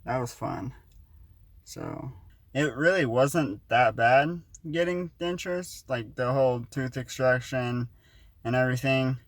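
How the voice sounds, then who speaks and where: A man in his twenties with a slight lisp, chatting casually to his vlog audience, talking fast and rambling with restarts and fillers. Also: mid-range voice, lively intonation, no room sound. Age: 20s. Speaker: vlogger.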